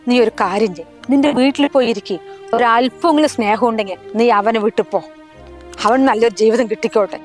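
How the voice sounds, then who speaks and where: A woman's voice: fairly high pitch, natural voice. A middle-aged woman playing a nagging mother-in-law who scolds harshly in a family short film.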